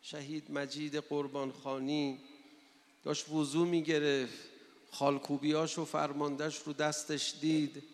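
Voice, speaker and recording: A man's voice: fairly high pitch, flat delivery. A man preaching a religious sermon, telling stories and building to impassioned pleas. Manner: emotional, builds to impassioned pleading. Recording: reverberant hall.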